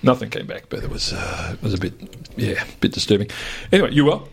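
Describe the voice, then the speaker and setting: A man's voice: fairly low pitch, sing-song, fast, vocal fry, a little hiss or hum. An Australian man hosting a science radio show, chatting casually with informal, joking banter. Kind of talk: casual live radio chat.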